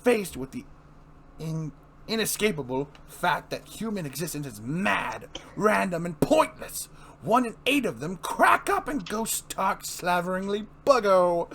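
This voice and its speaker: A man's voice: high voice, sing-song, a little slow, a bit bright, slight background noise, exaggerated voice. A man voicing the Joker-like mad clown villain of a comic book, grandiose, mocking and bitter, in a dramatic reading. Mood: mocking showman. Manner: grandiose showman delivery, mocking, swooping emphasis.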